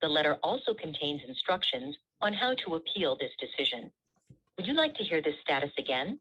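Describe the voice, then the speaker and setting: Husky low woman on a recorded phone menu. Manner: measured, even, polite. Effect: recorded phone menu voice heard over a speakerphone. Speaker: automated phone system prompt. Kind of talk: scripted automated phone menu prompts. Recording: muffled speakerphone audio.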